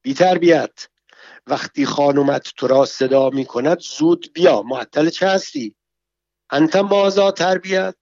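A man voicing a squeamish, quick-tempered Persian man who speaks slow, halting broken Arabic in a read-aloud story. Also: a little high, a little mellow, highs cut off, natural voice. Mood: defiant.

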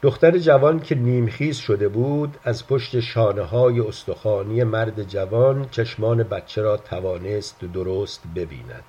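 Calm husky male story narrator. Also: fairly low pitch, hardly any pauses. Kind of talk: literary story reading. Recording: dull lo-fi recording.

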